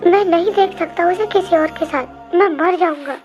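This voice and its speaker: A woman's voice: very high voice, normal speed, darkish tone, dull audio, soft background music. Woman voicing a pleading young man. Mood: heartbroken. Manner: pleading, emotional.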